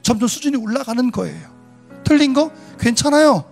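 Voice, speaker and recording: A man with a high-pitched voice preaches with lively, animated delivery, acting out quotes along the way. Faint music is heard underneath. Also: fairly quick, gravelly. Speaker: pastor. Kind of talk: sermon.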